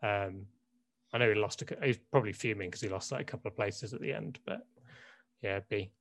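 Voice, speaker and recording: A man's voice: lowish voice, a little fast, gravelly, a bit bright. A man co-hosting a casual panel chat, dry and a bit grumbly. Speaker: co-host.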